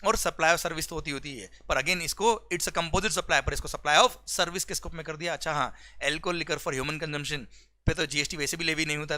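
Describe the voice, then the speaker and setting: Bright-voiced Hindi-English lecturer, man. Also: on the high side. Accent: Indian English mixed with Hindi. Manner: switches between rapid explanation and slow dictated legal text, often asking "clear?". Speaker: teacher. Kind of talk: exam revision lecture.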